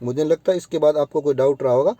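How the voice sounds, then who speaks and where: A man's voice: a little high, dark tone, no room sound. A male teacher giving a phonetics lesson, repeating example words one by one and checking in with his students as he goes. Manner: slow and deliberate, repeats words aloud for students; addresses students directly, often checks in with "ठीक है".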